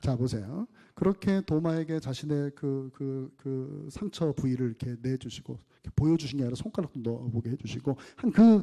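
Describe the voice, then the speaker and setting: Man, pastor, sermon, high voice, mellow tone, lively, asks questions. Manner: animated, acts out biblical dialogue, asks the congregation questions.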